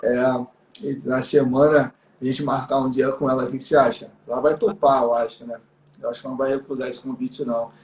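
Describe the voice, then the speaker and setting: A man's voice: medium pitch, level tone, fast, a little mellow, slight background noise. A man chatting casually on a live stream as co-host, rambling with lots of fillers and tag questions. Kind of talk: casual chat. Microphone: live stream call mic. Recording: echoey room.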